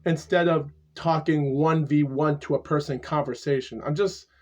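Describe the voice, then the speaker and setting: A man in his twenties talking to the camera in a casual vlog monologue, halting and repetitive, stuttering often. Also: on the high side, steady tone, a little mellow. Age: 20s. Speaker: YouTuber. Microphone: camera mic.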